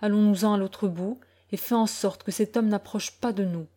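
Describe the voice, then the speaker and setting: A woman voicing an anxious, sharp-tongued middle-aged mother who talks in an urgent, scolding way. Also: medium pitch, steady tone, moderate pace, close to an everyday voice.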